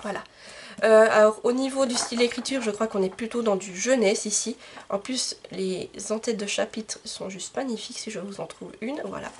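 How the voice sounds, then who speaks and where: A woman's voice: fairly high pitch, normal speed, slight background noise. A woman book vlogger talking casually to the camera, presenting books with many fillers and self-corrections. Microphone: camcorder microphone.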